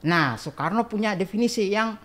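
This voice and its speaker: A man's voice: high voice, lively intonation, normal speed, fairly bright tone. A man guest on a casual podcast interview, explaining things in a chatty way and asking rhetorical questions. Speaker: guest archivist.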